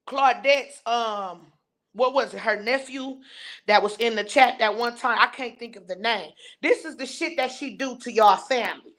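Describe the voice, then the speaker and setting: A woman with a high, bright, forceful voice hosts a live stream and rants heatedly. She's blunt and scornful as she reads her viewers' chat and responds to it.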